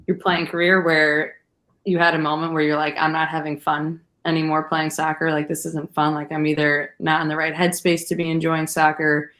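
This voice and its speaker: A woman's voice: low-pitched, flat delivery, moderate pace, a bit bright. A young woman hosting an interview, asking long rambling questions in a chatty, encouraging way. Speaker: podcast host. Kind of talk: casual interview chat.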